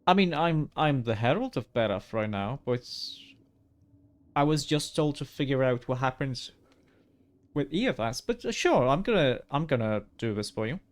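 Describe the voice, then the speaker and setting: A man's voice: mid-range voice, sing-song, normal speed. A man doing casual video game commentary, sometimes muttering to himself and reading on-screen text aloud in a hesitant way. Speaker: gaming streamer. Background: faint game music.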